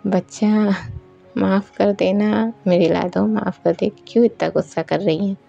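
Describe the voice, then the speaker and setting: A woman voicing a gentle elder sister who soothes her sulking younger sister with soft affection. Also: medium pitch, fairly even intonation, unhurried, creaky. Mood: coaxing. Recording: dull recording, faint music behind.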